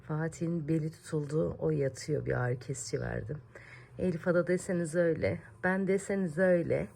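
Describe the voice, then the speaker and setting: A woman's voice: low voice, fairly quick, creaky. Woman chatting to the camera at home. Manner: soft baby talk to her daughter, whispering while the child sleeps. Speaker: vlogger and mother. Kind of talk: casual home vlog chat.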